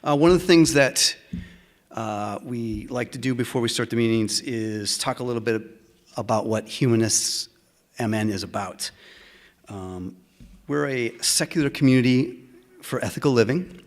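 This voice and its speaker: A man opening a community gathering as its vice president, giving welcome announcements at a halting pace full of uh and um fillers. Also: medium pitch. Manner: halting, frequent uh and um fillers, tries to slow down. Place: meeting room with a live audience.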